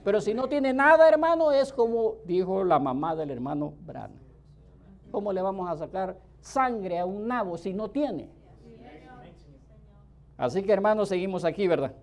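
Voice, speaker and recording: Emphatic male preacher, mellow voice. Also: sits high, very animated, normal speed, long pauses. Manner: emphatic, keeps calling out to the listeners; swings between soft asides and loud bursts. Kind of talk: sermon.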